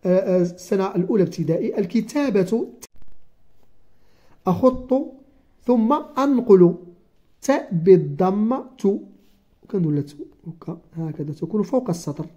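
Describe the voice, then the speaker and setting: A teacher with a Moroccan accent giving a first-grade Arabic writing lesson, slowly sounding out letters and syllables one by one. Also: medium pitch, lively intonation, mellow, breathy edge. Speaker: primary school teacher. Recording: dull lo-fi recording.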